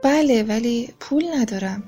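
Poor worried father, woman doing the voice, hesitant, troubled, storybook, raised pitch. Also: warm tone, slightly rough, faint music behind.

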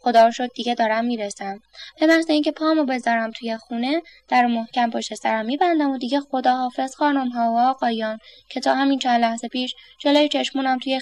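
A woman's voice: fairly high pitch, darkish tone, dry recording, natural voice. A woman voicing a flustered middle-aged man who wants peace at home, sarcastic and exasperated. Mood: relieved.

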